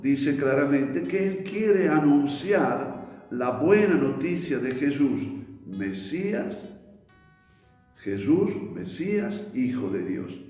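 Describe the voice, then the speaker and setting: A man slowly teaching a Bible lesson in a reflective way, with many restarts and pauses. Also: mid-range voice, sing-song, darkish tone. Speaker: priest teaching a Bible study. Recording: echoey hall with faint music.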